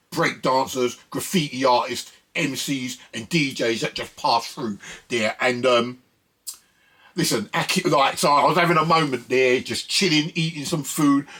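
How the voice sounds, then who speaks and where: Husky and sharp in tone, this medium-pitched British man runs a music channel and rambles informally to his audience about records. He leans heavily on tag questions.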